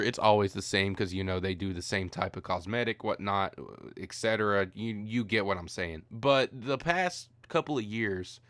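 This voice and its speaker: A man's voice: fairly low pitch, a bit bright, no echo. A tired man ranting profanely in a rambling, exasperated gaming commentary.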